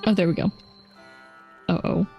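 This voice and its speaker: A woman's voice: normal speed, lo-fi sound, faint music behind. A woman streamer chatting casually to her viewers while playing a game. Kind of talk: casual gaming chat.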